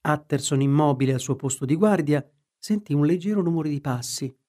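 A man narrating an audiobook in a steady storytelling manner. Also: on the high side, brisk.

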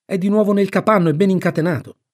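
A man's voice: sits high, quick pace, pitched above the performer's own voice, lightly acted. A man voicing an exasperated, flustered storybook aunt who sputters and scolds. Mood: indignant.

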